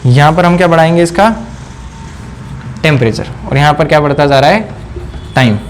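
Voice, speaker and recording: A man teaching a whiteboard science lesson, asking questions and answering them himself, repeating key terms slowly. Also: a little high, slight background noise. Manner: mixes in English phrases, repeats key words slowly. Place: indoor room.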